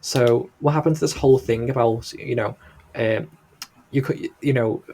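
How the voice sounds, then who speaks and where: A man's voice: medium pitch, normal speed, mellow. A man with a Liverpool Scouse accent giving casual, rambling, disapproving commentary in a hesitant way. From Liverpool, England. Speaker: reaction video host.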